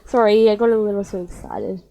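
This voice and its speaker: A woman's voice: mid-range voice, sing-song, fairly quick, vocal fry, warm tone, a little hiss or hum, poor audio. A young woman reading a visual novel aloud for her stream, chatty and self-mocking, with a slightly sore voice. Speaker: gaming streamer.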